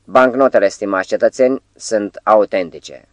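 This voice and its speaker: A man's voice: lowish voice, fairly bright tone, dry recording, lightly acted. Man putting on a bleating, mocking trickster. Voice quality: bleating, goat-like. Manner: mocking, menacing. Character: mocking male sidekick with bleating voice.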